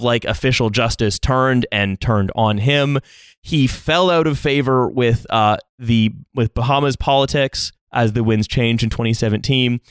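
A man's voice: mid-range voice, smooth, dry recording, clean studio sound. A man hosting a casual podcast chat, with a wry, joking delivery. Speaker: podcast host.

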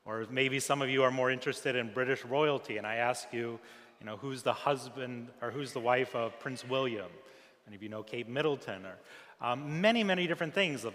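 A man's voice: medium pitch, a bit bright. A male priest addresses a congregation at Mass in a mid-range voice. His words ring through a large church, carrying a long, cathedral-like echo. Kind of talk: gospel reading and homily.

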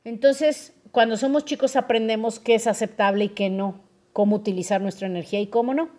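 Lively Mexican woman with a high voice. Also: brisk. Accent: Mexican Spanish. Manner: lively, asks listeners questions often. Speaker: podcast host. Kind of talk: casual explanatory podcast talk.

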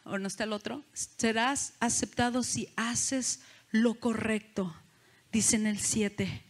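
A woman's voice: on the high side, fairly even intonation, slow. A woman preaching a sermon, talking to the congregation and putting questions to them. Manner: conversational, asks the congregation questions.

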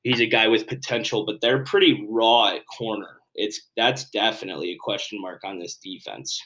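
Guy rambling thru his sports podcast, kinda low voice, lots of uhs. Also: normal speed, fairly bright tone, rough recording. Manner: rambling, offhand, frequent fillers. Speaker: podcast host. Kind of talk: solo sports podcast rundown.

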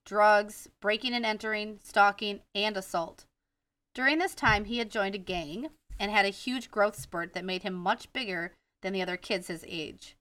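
A woman's voice: medium pitch, sharp tone, no echo, far from the mic. Dry, close-miked woman with a Wisconsin accent. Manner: reads from notes, stumbles on names, laughs at herself. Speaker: podcast co-host. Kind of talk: casual true-crime narration.

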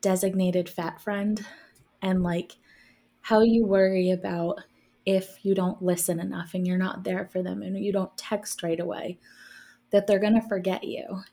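Casual podcast co-host, woman, candid and quick to laugh, loose rambling delivery. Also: medium pitch, level tone, mellow. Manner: candid, laughing often, trailing off mid-sentence. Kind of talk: casual chat.

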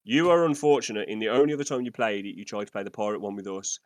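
A gaming podcast co-host with a fairly low voice tells a story at a racing pace, rambling and enthusiastic in casual chat. There is no room sound.

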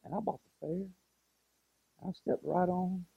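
A man's voice: sits high, steady tone, unhurried, creaky, breathy edge, dry recording, phone-quality sound. A man, preaching a storytelling sermon that builds to impassioned. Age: 40s. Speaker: pastor.

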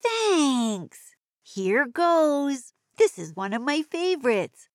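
An excitable young girl played by a woman tells a children's story in broad, singsong kids' theatre style. The voice is pitched up high and exclamatory, recorded dry with no room sound. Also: very slow, no room sound, full character voice. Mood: enthusiastic, storytelling. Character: Jazzy, excitable young girl tourist who loves cats. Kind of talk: children's educational audio story.

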